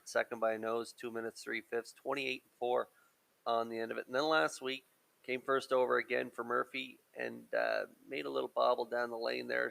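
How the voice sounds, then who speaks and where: A man's voice: medium pitch, vocal fry, pushed and bright. A man giving informal, analytical race preview commentary as a handicapper. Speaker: horse racing handicapper and analyst.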